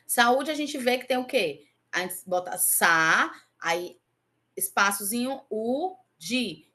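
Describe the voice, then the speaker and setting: Pitched fairly high, this woman's bright voice sounds pushed while she teaches Portuguese grammar online. Going over the exam answers, she keeps checking in with the class and slowly repeats example words.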